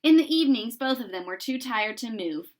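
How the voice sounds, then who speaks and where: A woman with a fairly high-pitched voice reads a children's story aloud. As a storybook reader, she narrates expressively and deliberately.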